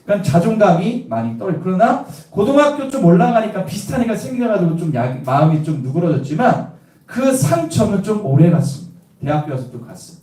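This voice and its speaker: In an echoey church sanctuary, captured from afar, a middle-aged male pastor from Cheongju, South Korea, speaks fairly quickly in a high-pitched voice. His evangelistic sermon is lively, mixing humorous personal anecdotes with questions put to the congregation.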